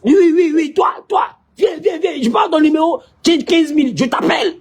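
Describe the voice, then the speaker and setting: A man acting out an eager young man with an Ivorian French accent, calling out to a girl from a ride car in a high, excited voice. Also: a little fast.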